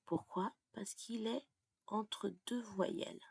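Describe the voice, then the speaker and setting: A woman gives a pronunciation lesson at a very slow, careful pace. Her voice is gravelly and somewhat husky. She often sinks into half-whispers while writing. The recording is dry and close. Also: mid-range voice, steady tone, darkish tone, dry recording. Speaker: French pronunciation teacher.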